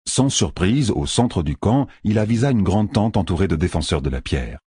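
Deep, expressive male narrator. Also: moderate pace, slightly rough, no echo, studio quality. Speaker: audiobook narrator. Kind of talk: scripted narration.

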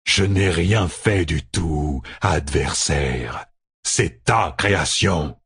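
An ancient evil presence speaks in a slow, menacing drawl, as a male narrator puts it on. The voice is very husky and low, mocking and patient. It sounds dry and close. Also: a bit bright, no room sound, full character voice. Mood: cold, mocking.

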